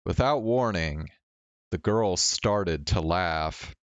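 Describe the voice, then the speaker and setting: A man streaming a game gives casual commentary and reads visual novel text aloud over game music. His voice sits low and he speaks slowly and expressively. There's no room sound, and the highs are cut off.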